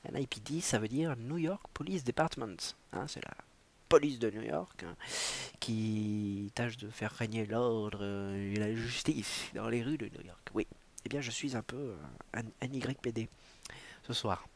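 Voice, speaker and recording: A man's voice: medium pitch, a little slow, gravelly, a little hiss or hum. A man hosting a solo livestream, rambling and self-mocking with stammering restarts and bits of playful English. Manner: drops in playful mock English. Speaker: livestream host. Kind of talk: casual solo livestream chat.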